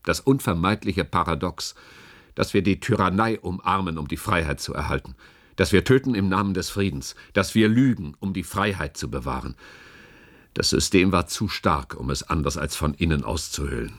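Here the same kind of role appears: a shrewd, serious senior department head in a German radio drama, argued with measured, persuasive rhetoric. The man's voice sits low, gravelly and husky yet fairly bright, animated and exaggerated. He sounds solemn and pressing.

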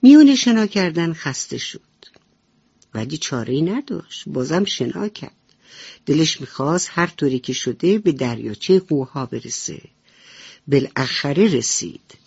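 A woman's voice: deep voice, very animated, creaky, warm tone, slightly rough, no echo. A woman storyteller narrating a bedtime story for children, speaking to them tenderly and fondly. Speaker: radio storyteller. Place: radio studio. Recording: dull radio recording, faint music.

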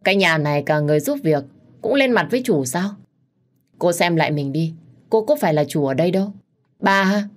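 A woman voicing a spoiled, scheming young pregnant woman who wails and accuses in a shrill, loud voice. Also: moderate pace, hardly any pauses, lightly acted. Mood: scornful.

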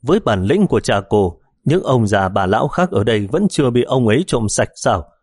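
A male narrator voicing a cocky young gangster turned policeman who talks calmly and teasingly. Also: mid-range voice, fairly quick, breathy edge, dry recording, clean studio sound.

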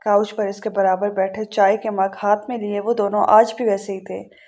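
A woman narrating a novel aloud in a calm, measured way, now and then correcting a word. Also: medium pitch. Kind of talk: audiobook reading of a novel.

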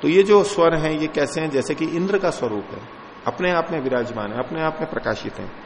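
A man teaching scripture as a lecture, reciting verses slowly and then explaining them in plain speech. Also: fairly high pitch. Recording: reverberant hall with faint ambient noise.

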